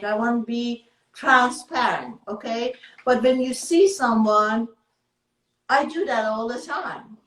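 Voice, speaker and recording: A middle-aged woman whose first language is Persian, giving an earnest, coaxing motivational talk to viewers. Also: on the high side. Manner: earnest, coaxing, speaks to herself with affection. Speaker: self-help speaker. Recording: roomy echo, voice from a distance.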